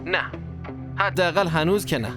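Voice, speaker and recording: An actor dubbing a protective, caring friend in a TV drama who speaks gently and reassuringly, with music behind. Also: male voice, sits high, lightly acted. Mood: worried. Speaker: close friend. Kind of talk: dubbed TV drama.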